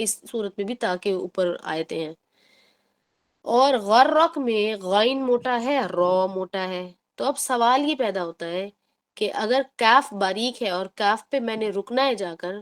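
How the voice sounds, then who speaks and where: Woman teaching tajweed, slow demonstrations. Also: medium pitch. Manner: explains patiently, drawls recited words slowly to demonstrate; mixes English words into her talk. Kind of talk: online tajweed lesson.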